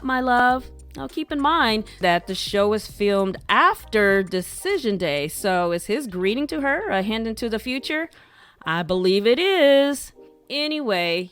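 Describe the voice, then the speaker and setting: A woman's voice: medium pitch, fairly bright tone. A woman hosting a reality TV recap show, narrating scripted gossip in a chatty, wry, opinionated way.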